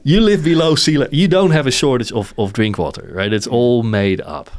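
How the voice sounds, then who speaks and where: A Dutch company founder, appearing as an interview guest, chats casually and explains things in short, informal bursts that often end with a checking question. His voice is medium-pitched and a little fast.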